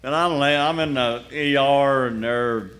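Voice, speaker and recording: An older male pastor tells his own story from the pulpit as a sermon testimony, in a mid-range, slightly bright voice at an unhurried pace. His style is folksy and colloquial, with a wry, plainspoken edge.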